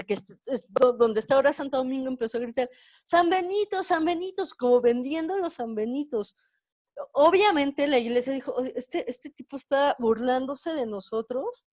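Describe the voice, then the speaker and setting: A woman's voice: fairly high pitch, darkish tone. A woman tour guide with a Mexican accent, giving a conversational storytelling talk with slides and asking her audience rhetorical questions. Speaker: tour guide, guest speaker.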